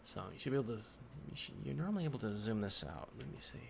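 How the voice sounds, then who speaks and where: Fast-talking and very animated, this man has a mid-range voice with vocal fry. He's indoors at a computer, giving an offhand, unscripted screen-recorded tutorial and muttering his thoughts aloud, while keyboard typing and mouse clicks fill the background.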